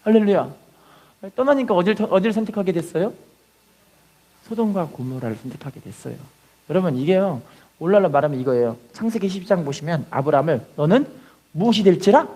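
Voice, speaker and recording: Male pastor, animated preaching, leads the congregation in repeating lines, husky tone, swooping pitch. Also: fast talker. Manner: animated preaching with call-and-response; cries out acted prayers at a high pitch. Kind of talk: sermon. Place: church sanctuary.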